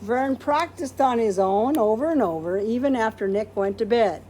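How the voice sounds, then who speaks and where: A woman reads a picture book for children in a mellow, fairly high voice that is animated and moderately paced, with a little background noise. She acts out what the characters say and turns to her listeners with questions.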